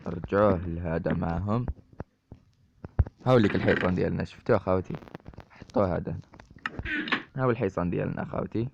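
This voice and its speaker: A man's voice: low-pitched, fast talker, creaky, long pauses. A man with an Algerian Arabic accent giving chatty let's-play commentary, talking straight to his viewers as brothers. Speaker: gaming YouTuber. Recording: dull lo-fi mic with steady noise.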